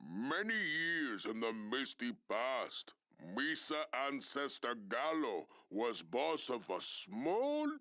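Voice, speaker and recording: A man's voice: mid-range voice, sharp tone, no room sound, clean studio sound, exaggerated voice. A man voicing a solemn amphibian alien chief who narrates a legend in broken pidgin for a video game. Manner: broken pidgin speech, deliberate storytelling.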